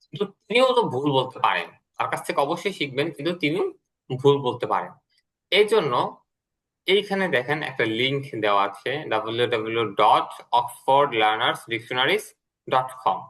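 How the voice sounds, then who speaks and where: A male English teacher works through a lesson with a bright, clear voice and a middle pitch. He is patient and explains step by step, repeating each key word slowly. It sounds like an online class with his screen shared. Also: animated.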